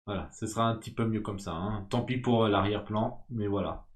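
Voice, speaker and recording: A man's voice: fairly low pitch, brisk, reverberant, faint music behind. A young man casually commenting on a game he is playing, rambling and swearing with self-mocking asides, into a desk mic at home. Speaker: gaming YouTuber. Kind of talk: casual let's-play commentary. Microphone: desk mic without headset.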